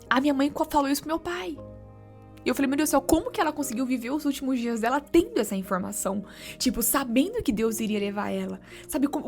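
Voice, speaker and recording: A young Brazilian woman telling an emotional personal story, soft-spoken and often dropping to a whisper. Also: high-pitched, gravelly. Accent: Brazilian Portuguese. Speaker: vlogger.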